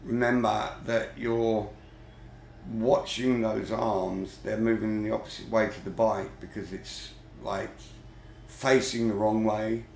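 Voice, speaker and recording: A man with a heavily gravelly, fry-filled voice gives unhurried, grumbling running commentary while gaming. He talks in a lowish register and swears mildly now and then. The room around him rings with noticeable echo. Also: flat delivery, a little mellow, slight background noise. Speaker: vlogger.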